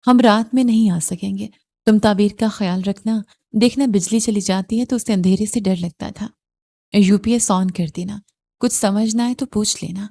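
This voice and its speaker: A worried middle-aged aunt handing out gentle, motherly instructions, as a woman reader puts her on. Her voice is a little raised and louder than the reader's narrating voice, and the tone stays mellow. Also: mid-range voice, close to an everyday voice. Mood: concerned.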